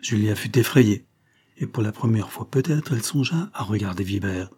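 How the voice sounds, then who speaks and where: A male audiobook narrator reading a classic novel at a steady, measured pace. His voice is low and dark, with a husky, slightly rough texture.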